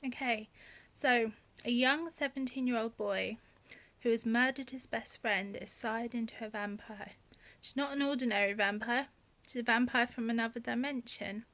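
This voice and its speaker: A woman's voice: fairly high pitch, normal speed, a bit bright. A woman author hosting her own channel, talking casually with many ums and restarts. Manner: hesitant, many fillers and restarts. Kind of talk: casual vlog talk.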